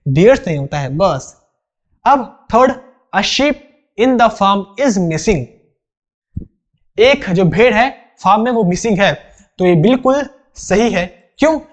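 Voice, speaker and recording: A young man teaching an online grammar lesson, explaining rules step by step, asking and answering his own questions, and reading example sentences slowly. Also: high voice.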